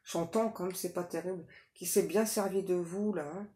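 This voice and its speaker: A woman's voice: on the low side, steady tone, normal speed, dark tone. A woman giving a casual psychic reading to viewers, talking in a chatty way with many fillers and tag questions. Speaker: psychic reader. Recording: echoey room, faint noise.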